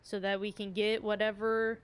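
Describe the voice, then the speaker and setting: A woman's voice: medium pitch, little pitch movement, normal speed, clean tone. A woman giving casual, chatty commentary while streaming a game, with a playful way of talking.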